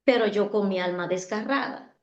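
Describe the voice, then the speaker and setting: A woman's voice: mid-range voice, normal speed, darkish tone. A woman giving an earnest personal testimony in an interview, often repeating her phrases for emphasis. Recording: echoey, dull-sounding room.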